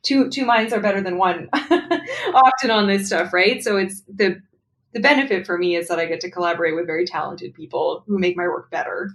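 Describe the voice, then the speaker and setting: A woman's voice: mid-range voice, lively intonation, fairly quick. A young adult woman, a writer guest in a casual interview, explaining her work in a chatty way and laughing often. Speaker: guest, writer for comics and games.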